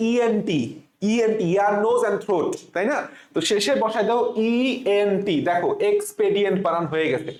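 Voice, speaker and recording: A man's voice: high-pitched, echoey room. A young adult man with a Bangladeshi accent, tutoring for an admission exam and drilling spellings letter by letter. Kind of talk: spelling lesson for students.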